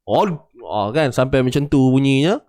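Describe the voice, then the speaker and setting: This man, speaking with a Malaysian Malay accent, has a medium-pitched, animated and slightly mellow voice at a normal pace. He's teaching Quran recitation informally, chanting sample passages and often asking whether his listeners follow.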